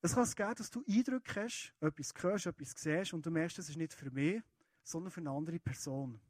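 A man with a Swiss German accent preaching a sermon, talking to the congregation in an earnest, conversational way. His voice sits a bit higher than most men's, and the recording is dry and close. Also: brisk, darkish tone, no echo. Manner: earnest and conversational, addressing listeners directly.

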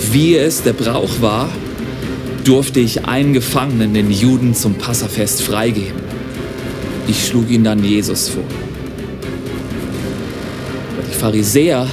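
A man playing Pontius Pilate, a troubled Roman governor, telling his story as a dramatic monologue with loud guitar music behind. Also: mid-range voice, natural voice. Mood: weary.

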